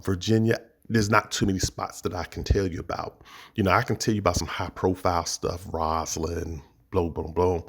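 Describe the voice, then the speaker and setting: Gravelly-voiced D.C. man telling a story. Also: sits low. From Washington, D.C. area. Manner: laid-back, rambling, slangy. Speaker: podcast host. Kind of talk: casual storytelling monologue.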